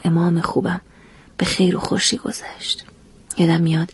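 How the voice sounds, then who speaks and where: A woman's voice: fairly low pitch, vocal fry, darkish tone, husky. A woman telling a first-person memory in tender, devotional scripted narration. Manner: tender, devotional storytelling, addressing a saint. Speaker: radio narrator.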